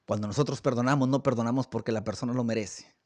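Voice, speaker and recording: A man's voice: mid-range voice, steady tone, darkish tone, no room sound. Earnest man. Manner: earnest, with rhetorical questions and filler pauses. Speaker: host. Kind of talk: reflective talk with storytelling. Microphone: studio broadcast mic.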